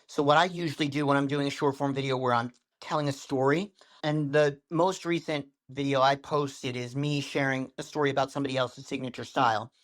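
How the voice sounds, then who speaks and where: A little fast and medium in pitch, a man speaks as a social media coach in a podcast interview, apparently over a video call. He's an animated storyteller who shifts his speed and tone for effect.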